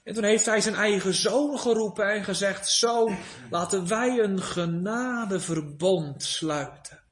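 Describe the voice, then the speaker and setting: A man preaching a sermon, swinging from soft, low asides to loud, emphatic pleading. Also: a little slow. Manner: rises to loud emphatic pleading, drops to soft near-whisper.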